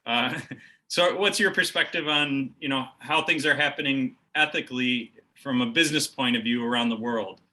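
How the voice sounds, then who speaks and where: A man from the United States hosts the conversation as a business law instructor, thinking aloud with frequent pauses and restarts. His mid-pitched voice has a very bright, sharp edge. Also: rough recording. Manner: thoughtful, hesitant, musing. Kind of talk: conversational interview.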